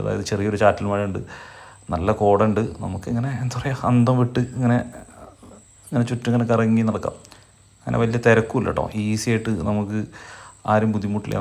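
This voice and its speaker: A man's voice: on the low side, creaky, a little mellow. A man with a Malayali accent from Kerala giving a casual, explanatory travel vlog narration that often repeats itself. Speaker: travel vlogger.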